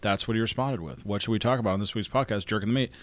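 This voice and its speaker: A man's voice: on the low side, racing, dry recording. A man co-hosting a podcast, talking in a laid-back way with many fillers. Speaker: podcast co-host. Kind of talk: casual crude podcast banter.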